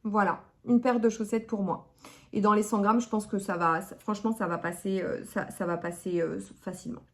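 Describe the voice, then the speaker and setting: A woman talking casually straight to her camera at home as the host of a knitting podcast. She hesitates often and fills her pauses with small sounds. She corrects herself as she goes and now and then chuckles at herself. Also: mid-range voice, steady tone. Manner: hesitant, many fillers and self-corrections.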